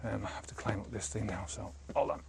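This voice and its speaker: A man's voice: on the low side, fast, gravelly, noisy background. A man of about fifty, a sobriety coach, talking casually in a vlog while walking an outdoor trail, rambling with many fillers, filmed on a handheld camera at arm's length.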